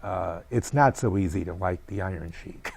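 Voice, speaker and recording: A man's voice: low-pitched, moderate pace, gravelly, darkish tone, slightly rough, dry recording. A man, a wrestling insider, reflecting in an interview, analytical with wry chuckles.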